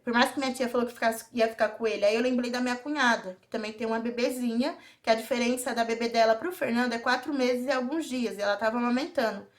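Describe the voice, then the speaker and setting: Young woman, Brazilian Portuguese accent, slightly high voice, confiding vlog storytelling, talks directly to viewers. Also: steady tone, fast, few pauses. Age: young adult. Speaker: vlogger.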